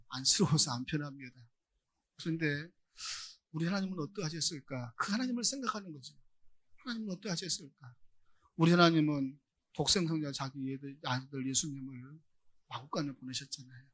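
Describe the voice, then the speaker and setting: A man preaching a sermon as pastor, often addressing the congregation and building to loud, emphatic rhetorical questions. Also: fairly high pitch, breathy edge, dry recording.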